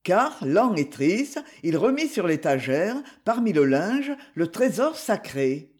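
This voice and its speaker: A man narrating a novel aloud in a measured, expressive reading. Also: high voice, breathy edge. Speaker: audiobook reader.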